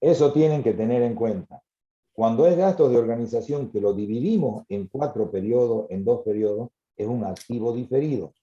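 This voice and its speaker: A man's voice: medium pitch, normal speed, dark tone, roomy sound, dull audio. A man teaching an accounting class, explaining patiently and checking that students follow. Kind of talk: classroom lecture.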